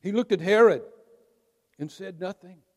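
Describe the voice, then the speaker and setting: High-voiced preacher in an echoing hall. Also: male voice, a little mellow. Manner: emphatic preaching with dramatic pauses. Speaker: pastor. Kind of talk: sermon. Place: church sanctuary. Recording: long reverb of a large hall.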